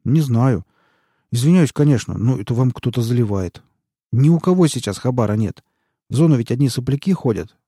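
A man's voice: medium pitch, lively intonation, fairly quick, mellow, breathy edge, no echo, studio quality. A man reading aloud and voicing a fawning, frightened male snitch who pleads and wheedles in folksy slang. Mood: wheedling.

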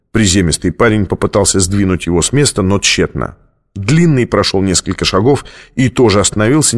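A man narrating a story in a measured, even audiobook style. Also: on the low side.

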